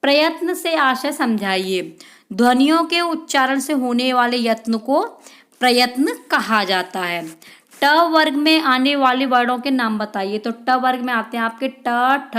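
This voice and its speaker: A woman's voice: on the high side, measured pace, a bit bright. A woman teaching an exam-prep lesson, reading out questions and answering them and calling her viewers friends.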